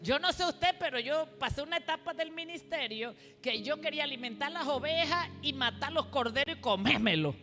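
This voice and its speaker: A sharp-toned woman with a high voice preaches a call-and-response sermon, prompting the congregation to repeat her words. She's in a church hall, recorded with heavy reverb and faint background music.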